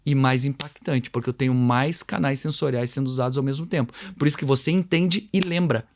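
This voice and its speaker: A man's voice: mid-range voice, brisk. A man with a Brazilian accent, an invited trainer who explains in a didactic way and plays with his own intonation to create contrast. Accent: Brazilian Portuguese. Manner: acts out short dialogues to give examples. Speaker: communication and NLP trainer, guest. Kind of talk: explanatory interview talk.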